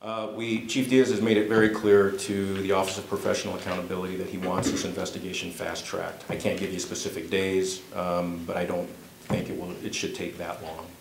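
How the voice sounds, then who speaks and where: A man answering press questions as a police spokesman, hesitant and measured. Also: sits low, level tone. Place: press conference room. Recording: echoey room with clear background noise.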